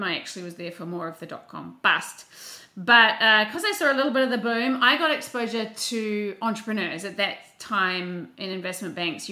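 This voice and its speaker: Speaking as a guest in a casual interview, a New Zealand woman with a clear Kiwi accent chats about her background, self-deprecating and full of little fillers. Her medium-pitched voice is bright and forceful, and the recording sounds roomy and echoey.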